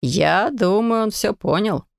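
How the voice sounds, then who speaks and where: A woman's voice: medium pitch, animated, creaky, dry recording, clean studio sound. A woman reading aloud and voicing a meddling, mocking middle-aged male neighbor who drawls his remarks. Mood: teasing. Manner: teasing, drawling, slow.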